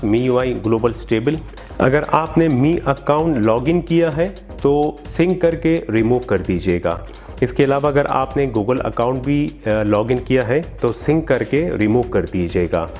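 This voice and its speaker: A tech tutorial host with a mid-range, darkish voice walks viewers through phone steps a little slowly. His manner is polite and formal, and background music plays during the instructional video.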